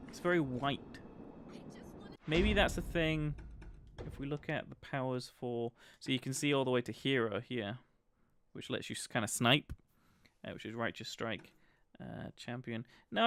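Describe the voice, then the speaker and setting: A man with a mid-range, slightly bright voice livestreams a video game, offering casual, chatty commentary that explains what he's doing. Game ambience sits behind his voice throughout.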